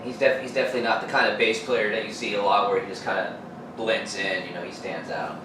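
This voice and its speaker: A Texan metal musician with a lowish voice, talking casually and jokingly. He sounds far from the mic in a very echoey room. There is clear background noise. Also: fairly even intonation, quick pace. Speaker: band member, guest. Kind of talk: casual chat.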